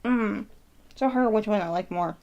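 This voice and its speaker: A woman with a medium-pitched voice speaks unhurriedly in a muffled recording. She hosts a mukbang snack-tasting vlog, chatting casually to viewers, rambling as she thinks aloud and correcting herself mid-thought.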